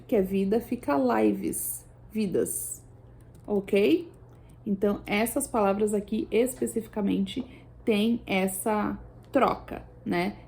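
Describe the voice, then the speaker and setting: A woman with a warm, medium-pitched voice and a Brazilian Portuguese accent teaches English, explaining plural rules over slides. She patiently checks in with her students during the lesson.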